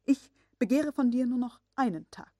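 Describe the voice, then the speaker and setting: A woman's voice: on the high side, expressive, normal speed, warm tone, no room sound, pitched above the performer's own voice. Female reader voicing a hard-willed older professor, insistent, dry booth sound. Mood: persuasive. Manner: urgent, insistent, rising to a hard tone. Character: stern, stubborn old male professor.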